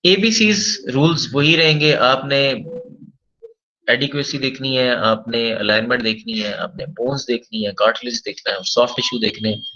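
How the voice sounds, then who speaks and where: A male physiotherapy lecturer giving a recorded radiology lesson, explaining in Hindi and slowly reading English textbook lines aloud. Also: medium pitch, bright, forceful tone, highs cut off.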